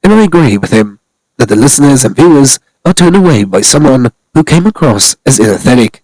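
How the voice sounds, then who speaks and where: A man's voice: mid-range voice, sing-song, brisk, darkish tone, slightly rough, dry recording, low-quality recording. A man narrating a scripted celebrity news commentary, reading steadily from articles.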